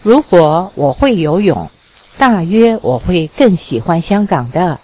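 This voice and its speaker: Woman voicing a shy young girl in a storybook, bashful, slow lines. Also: fairly low pitch, big pitch swings, mellow, heavily acted. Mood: polite. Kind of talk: audiobook reading.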